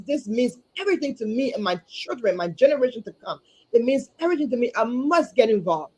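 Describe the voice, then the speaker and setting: A woman from Liberia, speaking earnestly as a guest over a video call, often repeating words and pausing on fillers. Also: medium pitch, darkish tone, husky. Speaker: guest, community advocate and chapter chair. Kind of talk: livestream interview.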